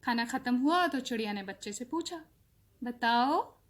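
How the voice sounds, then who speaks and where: A woman narrating a children's story slowly, repeating phrases and acting out sounds. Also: fairly high pitch, animated. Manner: slow and repetitive, acts out sounds.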